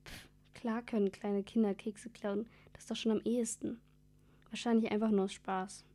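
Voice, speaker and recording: A curious, blunt young girl playing detective at a Christmas market, as a woman puts her on. Mellow and flat in pitch, read like a storybook. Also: normal speed, lightly acted.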